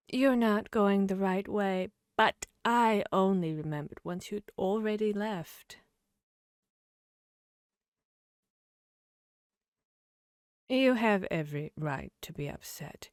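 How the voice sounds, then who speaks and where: A sly, grinning Wonderland cat, acted by a woman for an ASMR audio roleplay. The creature drawls very slowly, teasing and fickle, as if every sentence were a riddle. The sound is close and dry. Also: mid-range voice, no room sound. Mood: soothing, mischievous. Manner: slow, playful, riddling drawl.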